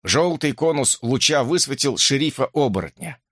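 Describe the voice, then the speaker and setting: A man narrating an audiobook in an expressive, animated reading. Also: mid-range voice, normal speed, no echo, studio quality.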